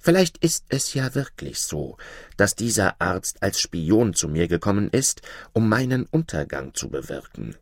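Storybook king, proud, quick to anger, deep and emphatic, as a man reads him. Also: sing-song, no room sound, studio quality, exaggerated voice. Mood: troubled.

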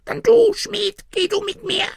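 A man voicing a tiny, spiteful magic manikin from a fairy tale, in a thin, whispering squeak. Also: flat delivery, a little slow, creaky, no room sound, studio quality, exaggerated voice. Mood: pleading.

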